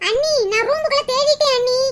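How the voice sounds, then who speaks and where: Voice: very high voice, fast talker. A performer voicing a worried young village daughter with a southern Tamil accent, firing off anxious questions. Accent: southern Tamil, Tirunelveli. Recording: loud background noise.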